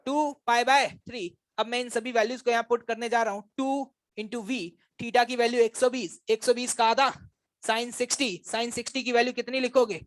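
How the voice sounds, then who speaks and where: A man's voice: very high-pitched, steady tone, moderate pace, a bit bright, dry recording. A male physics teacher giving a classroom lecture, quizzing and teasing his students and calling them brothers.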